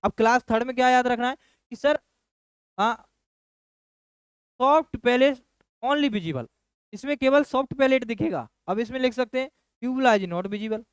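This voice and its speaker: A man's voice: extremely high pitch, brisk, smooth, no room sound. A man teaching a nursing lecture who repeats key phrases and keeps asking his class rhetorical questions. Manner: addresses students as children. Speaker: nursing coach.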